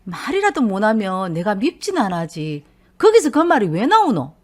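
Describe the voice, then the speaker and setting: A woman's voice: medium pitch, sing-song, normal speed. Woman voicing a blunt, exasperated Gyeongsang husband who raises his voice. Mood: scolding. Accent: Gyeongsang Korean. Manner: loud, scolding, exasperated. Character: blunt irritable middle-aged husband.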